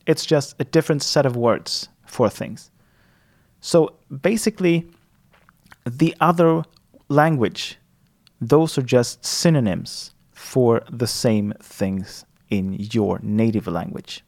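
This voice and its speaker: Slow and creaky, this medium-pitched, darkish voice comes from a Swedish man in his thirties who studies linguistics. Speaking English as a second language with a Swedish accent, he rambles casually and hesitantly, full of fillers and false starts.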